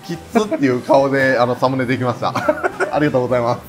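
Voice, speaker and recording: A man's voice: mid-range voice, racing, music in the background. A man with a Kansai accent chatting casually and banteringly over a meal as a food video co-host, often breaking into laughter. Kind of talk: casual chat while eating ramen.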